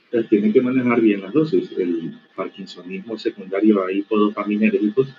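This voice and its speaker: A stern man lecturing medical students over a video call, his voice sitting on the low side. He corrects his class firmly and plainly. The call audio is dull and lo-fi, with faint noise behind him. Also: fairly even intonation, moderate pace. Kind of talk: online university lecture.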